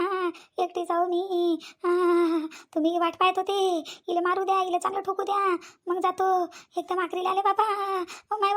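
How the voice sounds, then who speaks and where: A woman's voice: very high-pitched, fairly bright tone. A woman doing a groaning, beaten-up cartoon auntie. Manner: slow, groaning complaints. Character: bruised, whining village auntie seeking revenge. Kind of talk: cartoon voice acting.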